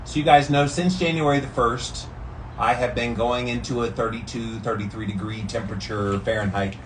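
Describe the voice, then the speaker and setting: A man's voice: mid-range voice, steady tone, normal speed. An American man vlogging casually and enthusiastically while sitting in ice-cold water, with slangy, emphatic talk. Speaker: vlogger doing a daily challenge. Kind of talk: casual rambling vlog talk. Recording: distant mic with faint background noise.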